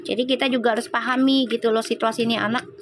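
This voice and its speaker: Middle-aged woman, fairly high voice, chatty tarot streamer, animated storyteller, faint hiss behind. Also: quick pace. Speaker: tarot reader and live streamer. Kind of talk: casual live-stream chat.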